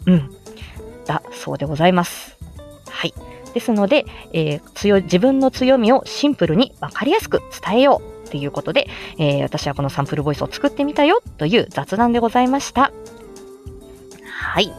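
Speaking close to her smartphone during a livestream, a woman who does amateur voice acting gives a friendly, polite and encouraging rundown on creating voice samples. Her medium-pitched voice is sing-song and fairly quick, with faint music in the background.

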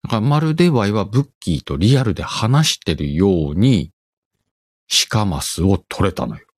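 A middle-aged man with a Kansai accent, hosting a casual solo chat and telling a rambling, animated story. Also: fairly low pitch, normal speed, breathy edge, no echo. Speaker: podcast host.

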